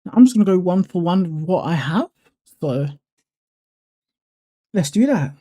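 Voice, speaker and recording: Man, deep dark tone, relaxed tutorial narrator who thinks aloud. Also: moderate pace, muffled recording. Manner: relaxed, thinking aloud with fillers and self-corrections. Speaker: YouTuber walking through a code editor setup. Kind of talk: casual screen-recording tutorial.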